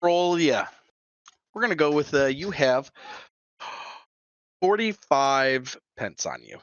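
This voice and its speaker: Lively-voiced man running a tabletop game. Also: fairly high pitch, slow pace, no echo. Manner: loose, casual narration with frequent laughs. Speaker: game master. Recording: dull, lo-fi and dry.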